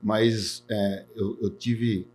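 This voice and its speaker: Low-pitched and a little mellow, a man in his forties talks extremely slowly with little movement in pitch, and a slight hiss or hum sits under the audio. He's an insurance executive from Brazil giving an earnest podcast interview, often repeating words and ending sentences with "né".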